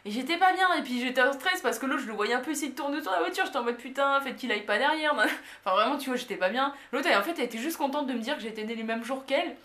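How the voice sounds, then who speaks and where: A young woman from France telling an anecdote in a casual, slangy way, full of fillers and lively asides. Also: high-pitched, very fast. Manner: animated, slangy, many fillers. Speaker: vlogger. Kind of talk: casual storytelling. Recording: echoey room.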